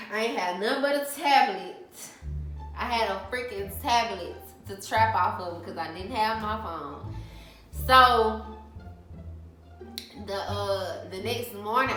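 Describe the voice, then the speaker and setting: A young woman tells a story to her viewers in an easy, chatty way. Her voice is medium in pitch and bounces off the walls of an echoey room, with faint music underneath. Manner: animated, chatty, addresses viewers as y'all. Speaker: vlogger. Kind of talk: casual storytelling to camera.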